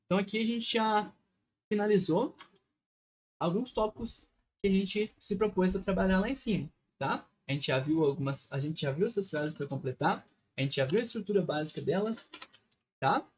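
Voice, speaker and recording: A man's voice: sits high, moderate pace, a little hiss or hum. A man with a Brazilian Portuguese accent, an English teacher explaining a lesson over a screen recording, patient and constantly checking in with short questions.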